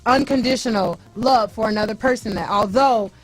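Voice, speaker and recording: High-voiced woman co-host. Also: normal speed, soft background music, rough recording. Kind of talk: call-in talk show hosting.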